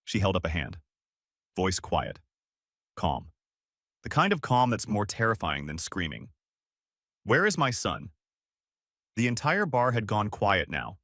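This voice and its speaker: A young man narrating a first-person story in an even, measured way. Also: on the low side, no room sound, studio quality. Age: young adult.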